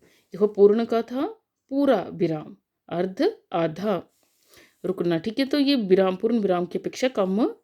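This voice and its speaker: A woman's voice: mid-range voice, expressive, dark tone. Patient woman teaching a grammar lesson. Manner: patient, repeats "ठीक है" and "अ" fillers, slows on examples. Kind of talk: explanatory Hindi grammar lesson.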